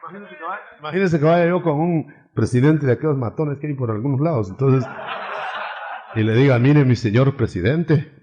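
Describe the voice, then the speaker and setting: A male preacher giving a lively, humorous sermon and acting out the quotes he tells. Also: a little high, a little fast, long pauses, highs cut off. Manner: animated, humorous, acts out quotes.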